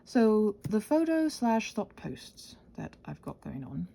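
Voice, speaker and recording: This solo host of a rambling audio channel has a mid-range, mellow voice with vocal fry and speaks slowly but very animatedly. She's casual and unscripted, scattered and self-deprecating, trailing off often, and sounds congested and tired from a sinus infection.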